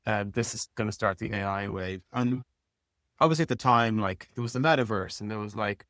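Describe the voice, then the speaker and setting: On the low side and a little fast, with a slightly bright tone, a man gives casual conversational answers as an interview guest. He's plain-spoken, like an executive discussing work informally, and the studio-quality recording has no echo.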